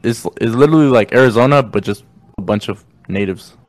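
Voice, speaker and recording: A man's voice: medium pitch, fairly quick, dry recording. A young man hosting a podcast, talking in a loose, rambling, slangy way full of "like" and "bro". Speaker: podcast host. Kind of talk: casual podcast chat.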